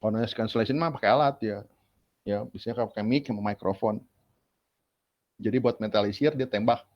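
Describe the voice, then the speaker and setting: Speaking fairly quickly in a lowish voice, this male university lecturer keeps his classroom talk casual and conversational. He poses rhetorical questions along the way, captured in a dull, lo-fi recording.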